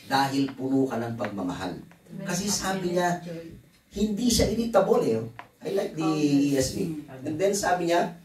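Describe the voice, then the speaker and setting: A man's voice: a little high, roomy sound, distant mic, rough recording. A man preaching a conference sermon in a conversational, joking way, with asides to the congregation. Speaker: pastor. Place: church hall.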